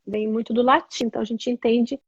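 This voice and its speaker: A woman's voice: fairly high pitch, steady tone, fairly quick, breathy edge, dry recording, muffled recording. A woman from southern Brazil, a blogger and tour guide, chatting as an interview guest and explaining things with many tag questions. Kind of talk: casual interview over a call.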